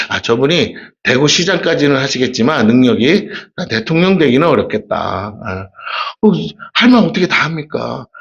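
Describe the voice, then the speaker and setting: In a church sanctuary, a pastor with a Gyeongsang accent preaches conversationally, posing rhetorical questions to the congregation. His voice is on the high side and fairly bright, with lo-fi sound.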